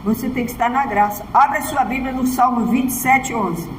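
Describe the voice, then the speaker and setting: A Brazilian woman pastor preaches from the altar in a high, ringing voice. Her words echo through a large church hall with a long tail of reverb. She keeps checking in with her listeners for an "amen" as she speaks. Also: normal speed, slight background noise. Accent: Brazilian Portuguese. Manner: preaches emphatically, often asking the congregation "Amém?". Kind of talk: sermon.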